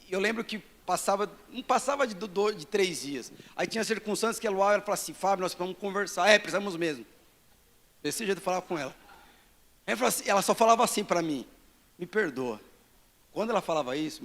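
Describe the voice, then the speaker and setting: A man with a Brazilian Portuguese accent preaching a fervent, confessional sermon as pastor. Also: high voice. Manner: fervent, confessional, grows louder toward scripture reading.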